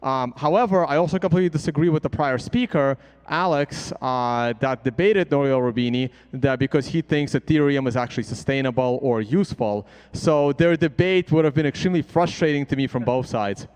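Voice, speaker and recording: A man's voice: mid-range voice, a little fast, few pauses, a little mellow, clear, resonant tone. Man, panelist; blunt, opinionated, mid-range voice, long hall reverb. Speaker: crypto trader and educator. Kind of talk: panel discussion. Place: conference stage.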